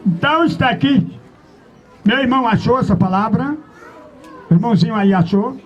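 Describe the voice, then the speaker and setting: A man preaching an open-air sermon, questioning his listeners and drawing out verse references. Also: very high voice. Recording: dull lo-fi outdoor recording.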